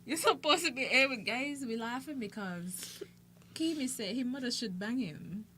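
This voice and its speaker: A woman's voice: fairly high pitch, lively intonation, normal speed, heavy background noise. A woman co-hosting a talk show, chatting casually and animatedly, hammering her questions home with repetition. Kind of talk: animated casual panel chat.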